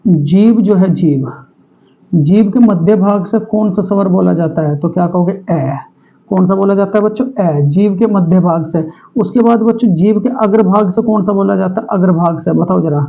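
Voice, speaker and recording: A man's voice: high-pitched, moderate pace, gravelly. A male teacher giving an online exam-prep class, who asks students questions and repeats each answer. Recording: tinny phone-like audio.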